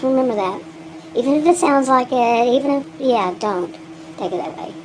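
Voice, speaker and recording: A woman with a high-pitched voice and a thick Texan accent vlogs about gig delivery work in a frank, rambling monologue, often laughing and restarting her sentences. The recording is low quality with slight background noise.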